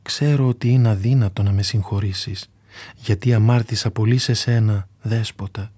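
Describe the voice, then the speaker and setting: A man's voice: fairly low pitch, steady tone, dark tone, breathy edge, no room sound. A man voicing an old monk who pleads with God in earnest repentance. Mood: pleading.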